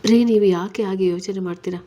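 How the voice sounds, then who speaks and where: A woman's voice: medium pitch, steady tone, brisk, dark tone, natural voice. A woman reading a story, voicing a caring young wife who coaxes and soothes her husband. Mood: coaxing.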